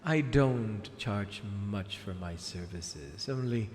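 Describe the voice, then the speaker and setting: A man's voice: fairly low pitch, lively intonation, slow pace, darkish tone, voice pushed down. A man voicing a vain, self-pitying sea witch in a live stage show, grand and theatrical, calling the audience darlings. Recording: echoey hall with faint background noise.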